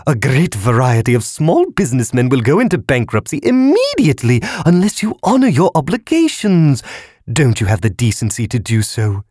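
A man voicing a nagging, scolding creditor balloon in a high squealing pitch. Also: wildly swooping pitch, moderate pace, a little mellow, slightly rough, dry recording, clean studio sound. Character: shrill nagging creditor balloon, genderless thing.

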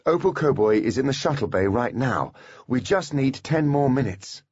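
A man doing a brisk, firm female officer. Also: mid-range voice, animated, darkish tone, breathy edge, muffled recording, pitched above the performer's own voice.

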